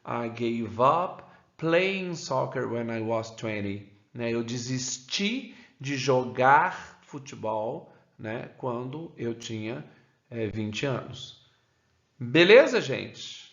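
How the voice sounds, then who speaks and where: A man with a Brazilian Portuguese accent teaches an English grammar lesson, keeps adding "né?" and says the English examples slowly. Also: medium pitch, lively intonation, fairly bright tone. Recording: roomy, dull lo-fi sound.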